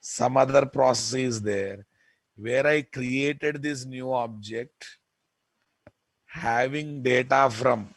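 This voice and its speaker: A man with a Telugu Indian accent teaching software in an informal lecture, repeating points emphatically and often checking with listeners. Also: mid-range voice, slow, dry recording. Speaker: programming instructor.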